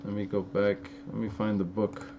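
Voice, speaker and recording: His delivery is completely flat: a lowish male voice with vocal fry at normal speed. The young Angeleno, whose American accent shows Armenian influence, rambles through live chat questions on a casual stream, restarting often and using lots of fillers. Faint noise and a slightly dull, lo-fi quality mark the stream audio.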